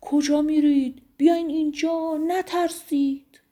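A woman voicing a panicked male shepherd who cries out urgently in a high, strained voice, in a told bedtime story. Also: expressive, dark tone, husky. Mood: shouting.

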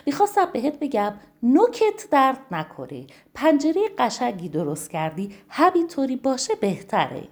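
زنی در نقش آقا موش غرغرو، با صدای بلند. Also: female voice, high-pitched, huge pitch swings, voice pushed up, full character voice. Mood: cheerful. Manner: loud indignant shouting. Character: grumpy then cheerful male mouse.

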